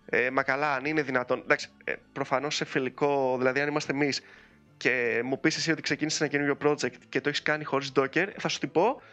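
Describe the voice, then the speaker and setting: Bright, lively male podcast host. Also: on the high side, soft background music. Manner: chatty and animated, with frequent fillers. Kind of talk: casual chat.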